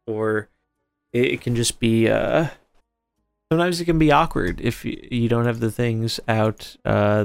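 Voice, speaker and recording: Male gaming podcast host, creaky voice, mid pitch, casual analytical match commentary. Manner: analytical, explanatory. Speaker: podcast host playing a card game. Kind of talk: casual gameplay chat and commentary.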